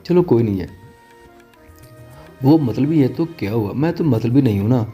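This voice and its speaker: A man's voice: medium pitch, animated, dark tone, breathy edge, soft background music. A man reading an audio novel, voicing a caring young man in an earnest, urgent manner. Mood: thoughtful. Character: caring young man, anxious would-be rescuer.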